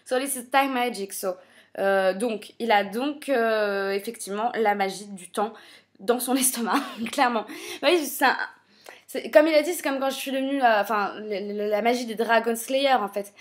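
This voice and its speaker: Chatty woman musing aloud, a little high. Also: normal speed. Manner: thinks aloud with many fillers and self-corrections; playful, teasing asides. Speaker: manga reviewer. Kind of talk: casual spoken commentary.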